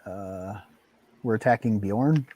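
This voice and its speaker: A man's voice: on the low side, takes it slowly, mellow. A man running a tabletop game as game master, laid-back and laughing often as he counts out moves.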